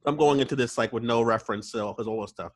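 A man's voice: medium pitch, very fast, dry recording. A man hosting a casual album review, chatty and profane, laughing between remarks. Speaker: album reviewer and show host. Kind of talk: casual music review chat.

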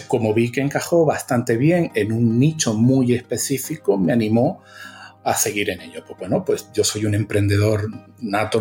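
An enthusiastic man with a medium-pitched voice and a mixed Venezuelan and Canarian Spanish accent appears as a guest in a casual interview. He is an agency founder and uses frequent tag questions.

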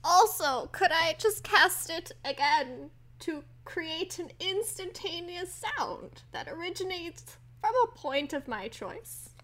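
A woman playing a tabletop game, spelling out detailed, deliberate requests to the game master. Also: very high voice, animated, a bit bright. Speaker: player.

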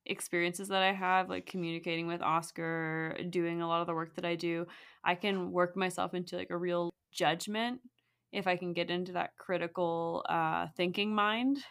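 A woman with a gravelly, fry-laced voice that sits a little low, chatting as a podcast guest. She talks in loose, reflective stretches full of fillers and easy laughs. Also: level tone, moderate pace, fairly bright tone. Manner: reflective, rambling, frequent "like" fillers, laughs often. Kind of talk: casual conversation.

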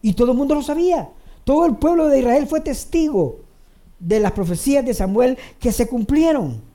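Delivering a sermon at a moderate pace, an animated preacher speaks straight to the congregation. He repeats phrases to drive points home and alternates loud emphatic lines with hushed asides.

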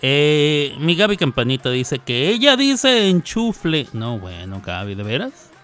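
A man's voice: fairly high pitch, big pitch swings, unhurried, faint music behind. A man hosting a radio show, chatting casually and teasingly as he reads listener messages. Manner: chatty, teasing, wanders between loud and soft. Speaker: radio host.

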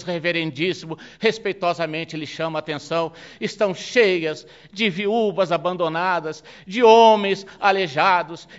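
A man's voice: sits high, a bit bright, highs cut off. A man voicing a humble young friar who fervently implores the pope, his voice rising in emotional swells.

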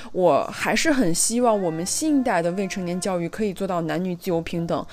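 A woman, a podcast co-host, giving reflective commentary in a measured, earnest way. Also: medium pitch, darkish tone.

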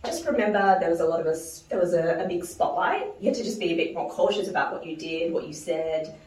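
Her voice is fairly low and darkish, and she talks at a quick pace: a woman from New Zealand, a guest investor being interviewed in conversation. She's reflective, laughs a lot and often starts phrases over. The recording has room echo and a distant mic.

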